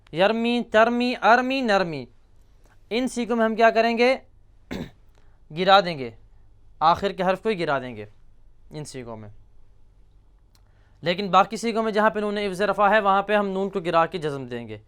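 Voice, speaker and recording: A man teaching a grammar lesson, slowly reciting verb forms and asking and answering his own questions. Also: high voice, a bit bright, clean tone. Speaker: teacher of Arabic morphology.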